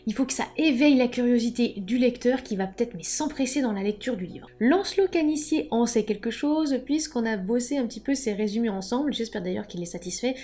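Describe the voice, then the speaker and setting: A woman's voice: fairly high pitch, brisk, few pauses, warm tone. A woman giving a chatty, frank lesson on book covers, stretching out her headings for emphasis. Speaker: book promotion adviser. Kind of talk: casual explanatory video lesson.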